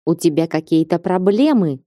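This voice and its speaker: A woman's voice: lowish voice, expressive, moderate pace, mellow, no room sound, studio quality, lightly acted. A woman reading an audiobook and voicing a brash young man who is tense and defiant.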